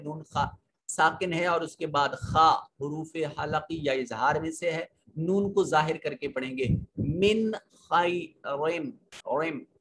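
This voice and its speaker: A man with a Pakistani Urdu accent teaching a recorded Quran lesson, patiently explaining tajweed rules and slowly reciting verses. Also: a little high, fairly bright tone, slight background noise.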